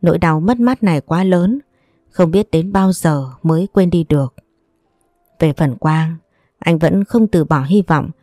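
A woman's voice: lowish voice, mellow, no echo, studio quality. A woman reading a sad family story aloud, doing all the characters' lines herself. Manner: voices every character herself. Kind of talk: dramatic story narration.

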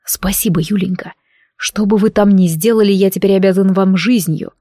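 Brief: hoarse wounded dragon man, voiced by a woman, soft, tender, intense, mid pitch. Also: fairly even intonation, a little fast, no echo, clean studio sound, close to an everyday voice.

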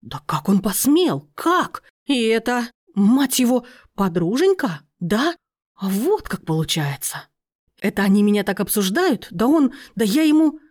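Woman doing a bossy, shrill middle-aged aunt. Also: sing-song, normal speed, a little mellow. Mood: indignant. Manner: indignant, shrill outbursts.

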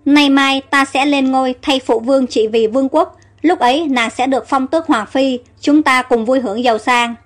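Woman doing a mocking young prince, self-assured, high-pitched, soft music behind. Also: normal speed. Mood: gloating. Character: proud scheming young male prince.

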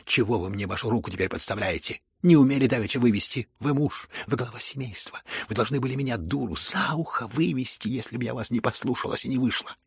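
A man reading a furious, hysterical elderly noblewoman who scolds everyone around her, in shrill raised bursts. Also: animated, fairly quick, creaky, slightly rough, dry recording, clean studio sound. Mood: indignant. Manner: shrill scolding outbursts, rising to shouts.

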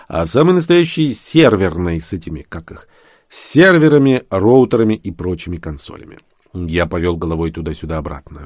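A man reading a thriller audiobook aloud with ironic, lively storytelling. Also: fairly low pitch, no echo, studio quality. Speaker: audiobook narrator. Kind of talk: scripted narration.

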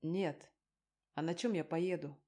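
A woman reading the part of a rough, angry young man who barks out blunt, scornful replies in an audiobook. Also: deep voice, a little slow, warm tone. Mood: gruff.

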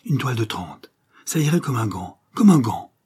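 Guy voicing obsessive widower painter, husky, exclaiming all the time. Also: medium pitch, normal speed. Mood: feverish. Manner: anguished then feverishly excited exclamations. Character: grief-stricken male painter, widower, obsessive.

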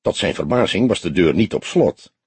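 A husky man with a low voice reading a detective story aloud, his pitch moving a lot. Dry, close sound with no room in it. Calm, measured storytelling. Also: no echo. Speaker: audiobook narrator. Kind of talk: scripted narration.

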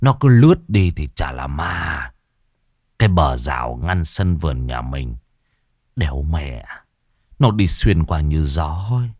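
A man voicing a superstitious older man near sixty, speaking low and hushed as he insists he saw a ghost. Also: big pitch swings, unhurried, no echo, clean studio sound, exaggerated voice. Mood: hushed, insistent.

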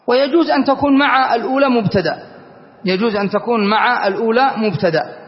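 Yemeni sheikh guy teaching grammar, pretty high voice, patient, keeps asking if it's clear, echoey hall, muffled old recording. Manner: patient, explanatory, often checks if students follow. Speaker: Islamic scholar teaching grammar. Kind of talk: classroom lesson explaining a classical grammar poem. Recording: reverberant hall, dull lo-fi recording.

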